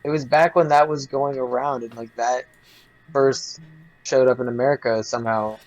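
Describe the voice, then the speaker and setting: Young dude on a podcast, rambly storyteller, swears a bunch, keeps restarting. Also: male voice, mid-range voice, fairly even intonation, normal speed, lo-fi sound. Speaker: podcast co-host. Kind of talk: casual chat.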